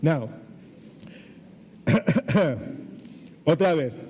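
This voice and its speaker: A man's voice: on the high side, animated, extremely slow, dark tone, slightly rough, big-room sound. A man, an older Puerto Rican pastor, teaching a Bible study in a chatty, digressive way and mixing English words into his Puerto Rican Spanish. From Puerto Rico. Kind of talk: informal sermon teaching.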